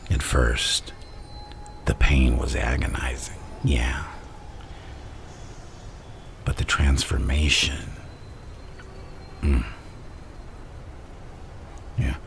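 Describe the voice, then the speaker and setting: The Joker, very deep gravelly madman. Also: a little hiss or hum, heavily acted. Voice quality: gravelly, breathy half-whisper. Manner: slow, theatrical, intimate, savouring each phrase. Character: Joker, theatrical menacing madman supervillain, seductive and manipulative. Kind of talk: ASMR villain roleplay monologue.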